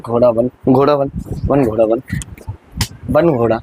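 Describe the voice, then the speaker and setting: A man's voice: mid-range voice, steady tone, unhurried, phone-quality sound, noisy background. A young man acting a strict teacher in a comic classroom skit, barking repeated orders and scolding. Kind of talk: comic classroom role-play.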